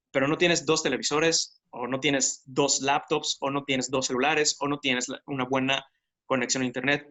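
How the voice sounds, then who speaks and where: A man's voice: a little high, bright, forceful tone. A man with a Mexican accent co-hosting a casual discussion podcast, reflective and critical as he thinks aloud. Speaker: podcast co-host.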